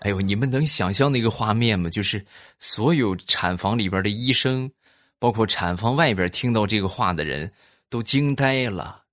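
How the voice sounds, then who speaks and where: A man's voice: on the low side, animated, normal speed, fairly bright tone, soft background music. A man hosting a podcast, telling funny stories and reading listener comments while teasing his audience. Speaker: podcast host.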